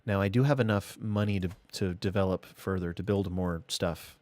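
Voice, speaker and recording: A man with a somewhat low voice comments casually on his live gameplay, thinking out loud. The sound is close and dry, with no room around it. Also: normal speed, dry recording. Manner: thinks aloud, musing to himself. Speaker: gaming streamer.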